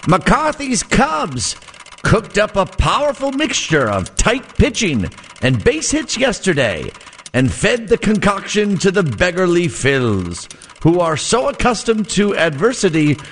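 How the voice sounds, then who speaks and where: A fill-in radio host putting on an old-timey radio announcer voice to read an old sports story aloud, theatrical and drawn out. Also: male voice, high voice, wildly swooping pitch, slow, fairly bright tone, slight background noise.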